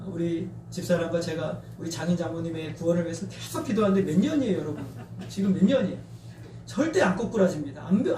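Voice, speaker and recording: A middle-aged male pastor preaches in a high voice, and he acts out shouts and taunts as he goes. His voice rings around the church sanctuary and comes from some way off the mic. A faint hum runs underneath. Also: echoey room, recorded from a distance. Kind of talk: sermon.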